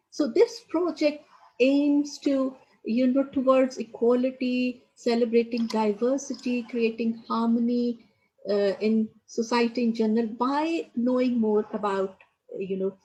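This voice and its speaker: A woman's voice: fairly high pitch, mellow, rough recording. A woman raised in India, leading a community project, giving an earnest speech at a launch event and leaning on "you know" fillers.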